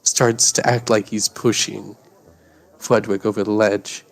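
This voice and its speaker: A man narrating character actions in a live role-play stream, in a steady, plain delivery. His voice is low and his pace slow and unhurried. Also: vocal fry.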